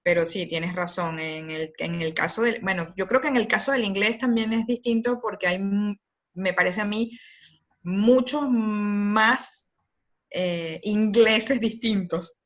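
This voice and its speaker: A Venezuelan-accented woman, a copywriter, is a guest in a conversational interview. Her mid-range voice moves a little slowly as she rambles thoughtfully, with many fillers and restarts.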